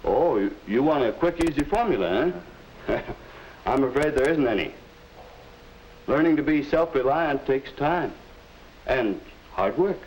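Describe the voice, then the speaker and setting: A man acting as a middle-aged schoolteacher in a 1950s educational film, speaking like a narrator of that era in a measured, didactic way. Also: medium pitch, lively intonation, a little mellow, lightly acted, rough recording. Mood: patient, instructive. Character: kindly, instructive male schoolteacher in a 1950s film. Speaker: teacher advising a student. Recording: hissy old 1950s film soundtrack.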